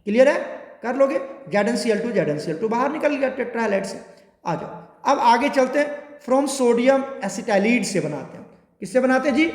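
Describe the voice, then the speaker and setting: A male chemistry teacher giving a classroom lecture, repeatedly quizzing his students and drawing out key words. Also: high voice. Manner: questioning students constantly, repetitive, drawn-out spelling. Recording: echoey room with long reverb.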